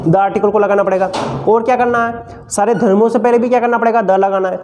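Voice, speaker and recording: Mellow-voiced man teaching grammar. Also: high-pitched, steady tone, fast talker. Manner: keeps asking the class questions and answering them himself; calls the students "son" fondly. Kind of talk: exam-prep grammar lesson.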